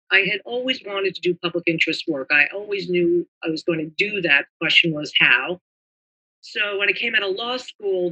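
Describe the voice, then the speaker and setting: Older woman guest, crisp bright tone, wanders as she tells stories, a bit muffled. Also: on the low side. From New Jersey. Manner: chatty, meandering storyteller. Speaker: guest, retired government lawyer. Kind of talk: conversational interview, reminiscing.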